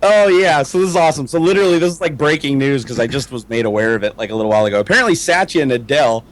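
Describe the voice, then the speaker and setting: A man co-hosting a casual tech show, talking in a loose, joking way with casual swearing, his mic clipping and distorting from the gain being set too high. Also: expressive, racing. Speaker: co-host. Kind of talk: casual tech podcast chat.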